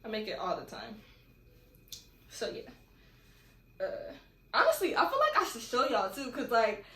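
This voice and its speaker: A woman's voice: a little high, huge pitch swings, a little slow, a bit bright. Chatty young woman in an echoey room. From California, USA. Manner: chatty, rambling, slangy. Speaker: vlogger. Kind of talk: casual Q&A vlog. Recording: echoey room with faint background noise.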